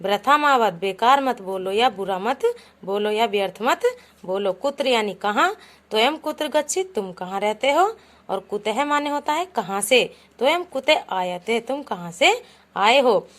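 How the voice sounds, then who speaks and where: Woman, Sanskrit teacher, fairly high voice, patient classroom explaining. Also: animated, measured pace, fairly bright tone. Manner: patient, calls the pupils "beta", reads each example aloud then translates it. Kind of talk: classroom lesson explaining Sanskrit words in Hindi.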